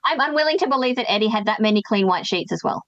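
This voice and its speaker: A woman co-hosting a casual podcast chat, animated and exasperated as she tells things. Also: medium pitch, quick pace, no echo, lo-fi sound. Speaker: podcast co-host.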